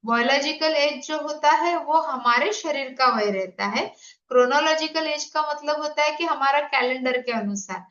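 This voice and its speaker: A health coach in her 50s, speaking at a moderate pace in a high, fairly bright voice, explains presentation slides online and asks her audience questions. The room sound is echoey, dull, and lo-fi.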